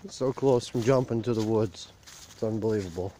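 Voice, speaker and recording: This casual walk-and-talk vlog features a man with a fairly low, mellow voice speaking at a moderate pace. He films on a phone in hand while crossing a burnt field, his talk plain and rambling with a rural flavor. A bit of hiss or hum sits in the audio.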